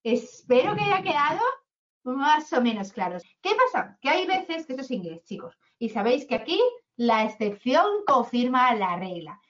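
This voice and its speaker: Woman, English teacher, chatty, high voice, muffled lo-fi sound. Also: sing-song, normal speed, fairly bright tone. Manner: chatty, asks "¿vale?" often. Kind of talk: online grammar lesson. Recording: dull lo-fi sound.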